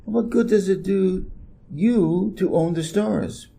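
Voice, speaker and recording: A man's voice: high-pitched, slow, creaky, mellow, husky, voice pushed up, exaggerated voice. A man voicing a curious, persistent young boy prince in a storybook, innocent and full of questions. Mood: innocent, questioning. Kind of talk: storybook character reading.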